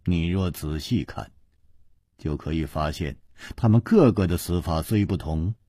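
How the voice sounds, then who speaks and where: A male storyteller voicing a calm, sharp-witted swordsman hero, speaking low, measured and grave with a husky voice. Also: no echo, studio quality.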